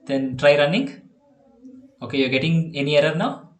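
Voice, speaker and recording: Chatty Indian English coding tutor. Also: male voice, fairly high pitch, normal speed, echoey room. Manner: chatty, laughs often, repeats okay and yeah. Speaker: programming tutor. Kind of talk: online one-on-one coding lesson.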